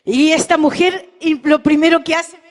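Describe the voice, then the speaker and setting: A woman's voice: sits high, steady tone, normal speed, long reverb tail. A middle-aged woman pastor, telling a testimony in a sermon and quoting dialogue as she goes. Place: church.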